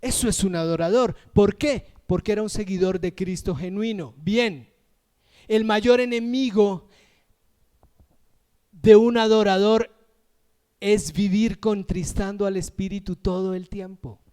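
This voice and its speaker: A man with a high voice delivers a passionate sermon as pastor. He gets emotional and raises his voice, then drops into short acted-out voices from everyday life to make his points. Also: unhurried, clean tone. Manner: emotional, shouts when moved; acts out everyday voices in asides. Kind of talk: lively sermon.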